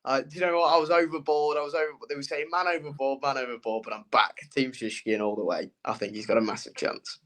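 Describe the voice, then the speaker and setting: A man co-hosting a casual horse racing chat, excitable and animated as he gives his opinions. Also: medium pitch, fast, hardly any pauses. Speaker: co-host and racing tipster.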